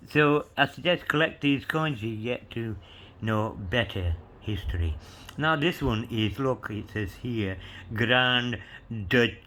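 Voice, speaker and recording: Showing coins, a man with a medium-pitched, fairly bright voice drifts from topic to topic, saying "you know" and "yeah" often and spelling out inscriptions letter by letter. A little hiss or hum can be heard.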